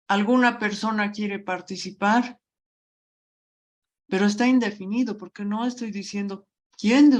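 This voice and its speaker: A woman teaches a grammar lesson slowly and patiently, frequently checking that the class is keeping up. Her voice is mid-range and slightly mellow.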